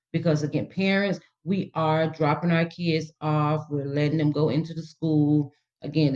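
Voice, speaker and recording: A woman educator appears as a radio guest, informally explaining things to parents in an instructive way and repeating key words. Her voice is low-pitched and darkish, and the radio audio is slightly dull.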